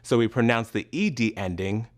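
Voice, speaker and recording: A man teaching English pronunciation in a scripted lesson, enunciating each sound carefully and pausing between words. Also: medium pitch, expressive. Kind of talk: slow, deliberate scripted instruction.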